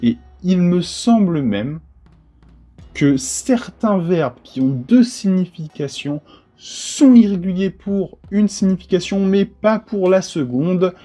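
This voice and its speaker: A man teaching an online grammar lesson in a relaxed, chatty way, dropping joking asides between rules. His voice is mellow and dark, with a husky, slightly breathy edge. Faint music plays underneath. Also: sits high, takes it slowly. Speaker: Korean language teacher.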